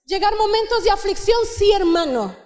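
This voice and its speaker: A woman's voice: very high-pitched, lively intonation, moderate pace, darkish tone. A young woman with a Mexican accent giving an earnest testimony sermon that rises into fervent exhortation, in a church. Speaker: guest preacher. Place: church hall. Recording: long church hall reverb.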